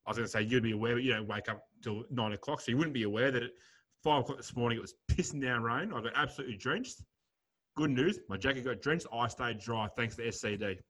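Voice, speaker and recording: A man's voice: medium pitch, fairly bright tone. An Australian man co-hosting a casual podcast, teasing his co-host and joking around.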